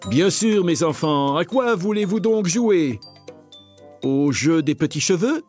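A man's voice: a little high, expressive, slow, darkish tone, soft background music, pitched above the performer's own voice. A man voicing a hot-tempered prince who mangles his words, exclaiming in a raised voice. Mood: cheerful. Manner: wordplay-laden, exclaiming.

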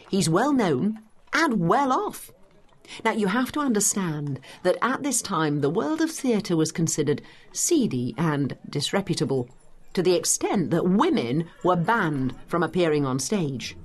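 In a dramatised educational audio guide, an actress with a fairly low voice plays a brisk, knowledgeable woman leading the listener through history. Her manner is explanatory and teacherly.

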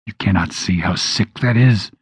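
A man voicing a cruel, savage male demon who hisses and taunts slowly. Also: low voice, breathy edge, no echo, clean studio sound. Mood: scornful. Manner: hissing, slow and taunting.

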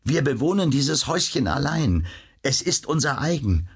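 A man voicing an earnest, hot-headed young man in a storybook, insistent and determined. His husky voice rides a little higher than plain speech, with lively swings of pitch. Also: normal speed, exaggerated voice.

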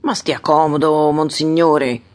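A man's voice: on the high side, fairly even intonation, takes it slowly. A woman reading an audiobook, voicing an irritable middle-aged male official who barks orders. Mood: dismissive. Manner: brusque, shouting orders.

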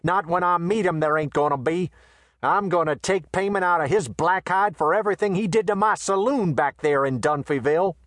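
A man puts on a brash, boastful western saloon owner with a rough folksy drawl. The voice sits high and loud, full of swaggering threats. The recording is dry and close. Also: fairly quick, no room sound. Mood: blustering.

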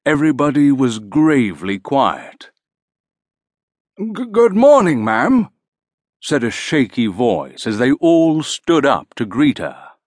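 A man narrating a children's audiobook in an expressive storytelling manner. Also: mid-range voice, no room sound, clean studio sound. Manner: slow, expressive.

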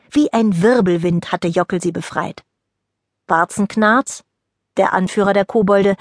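A woman narrating a children's audiobook in a lively storytelling manner, close to the mic. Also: lowish voice, dry recording. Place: dry recording booth. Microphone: close studio mic.

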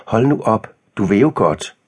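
A man's voice: on the low side, animated, darkish tone, breathy edge. A male narrator voicing a harsh, drunk mother in an audiobook. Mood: cooing. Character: harsh drunk mother, threatening then cooing.

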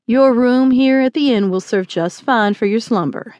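In an acted western audiobook, a woman narrator voices a stern frontier marshal who gives orders firmly and irritably, used to being obeyed. Her voice is a little high, a little mellow, close to everyday, at normal speed, with a firm, controlled mood. The sound is dry, with no room echo.

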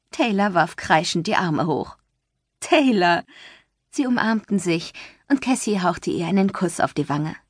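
Husky woman narrating an audiobook. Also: dry recording, clean studio sound. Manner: lively, voices the friends with light pitch shifts. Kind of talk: scripted narration. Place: dry recording booth. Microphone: close studio mic.

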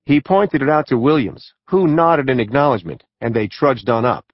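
Man, true-crime audiobook narration, measured, dull lo-fi sound, dry. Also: medium pitch, expressive, no room sound.

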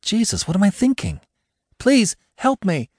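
A man's voice: mid-range voice, very animated, measured pace, a little mellow, husky, dry recording, clean studio sound. A male narrator voicing a panicked young woman stranded in a crashed car, pleading frantically for help. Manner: frantic, pleading, breathless cries.

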